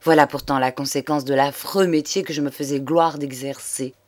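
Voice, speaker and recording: A woman reading the part of an excitable old man, an amateur detective who mutters and broods to himself. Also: deep voice, moderate pace, dry recording, voice pushed down, natural voice. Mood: brooding. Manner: agitated, musing to himself.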